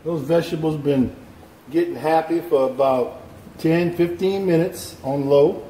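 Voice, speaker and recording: Pitched on the high side, this man's mellow voice moves a little slowly. Hosting a home cooking show at his stove, he talks viewers through every step with folksy ease in a casual demonstration. An overhead camera catches his hands, while the kitchen echoes with faint pan noise.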